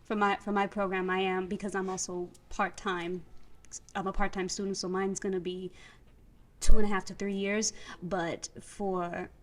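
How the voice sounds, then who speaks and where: Therapy-student guest, woman, mid voice, level monotone. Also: mid-range voice, normal speed, slight background noise. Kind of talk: casual podcast chat.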